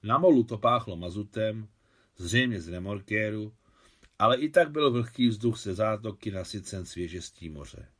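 Man narrating a novel, calm and measured. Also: on the low side. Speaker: audiobook reader. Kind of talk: scripted narration.

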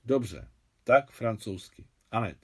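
Soft-spoken wealthy benefactress, voiced by a man reading a novel, low and measured. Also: lively intonation, breathy edge. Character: gentle wealthy woman benefactor.

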